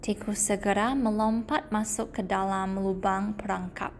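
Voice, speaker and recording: A woman narrating a children's fable, reading slowly and clearly at an everyday middle pitch. A faint hiss sits under her voice. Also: fairly even intonation. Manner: slow, clear storybook reading. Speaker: storyteller. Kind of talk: children's story read aloud.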